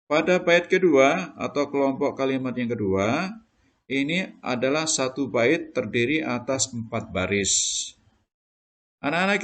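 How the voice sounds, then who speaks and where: A man's voice: mid-range voice, fairly bright tone. A male primary school teacher giving a recorded lesson, explaining patiently step by step to children.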